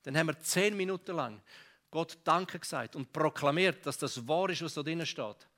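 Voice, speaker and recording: A middle-aged man with a Swiss German accent, preaching a sermon with stories, lively, swinging from loud to hushed. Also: on the high side, moderate pace. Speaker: pastor. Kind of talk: sermon with storytelling.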